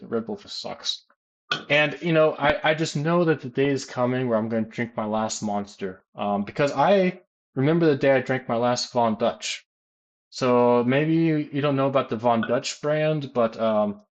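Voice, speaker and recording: American guy rambling on a live stream, lots of ums, medium pitch. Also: dull audio. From United States. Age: adult, works as a teacher. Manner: rambling, many fillers and restarts. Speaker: gaming streamer answering chat questions. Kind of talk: casual live-stream chat.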